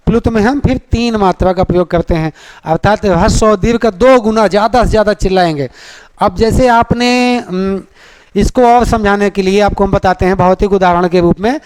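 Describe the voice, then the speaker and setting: Male teacher, high pitch, lecture delivery, poses questions and answers them himself. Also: darkish tone, smooth. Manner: draws out vowel sounds to demonstrate them. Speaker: Sanskrit grammar teacher. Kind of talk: classroom-style lecture.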